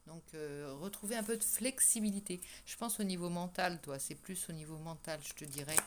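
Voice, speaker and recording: A woman's voice: on the low side, brisk, noisy background. A woman doing a casual tarot reading for her viewers, chatty and hesitant with many fillers and restarts. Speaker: tarot reader. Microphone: microphone that keeps falling.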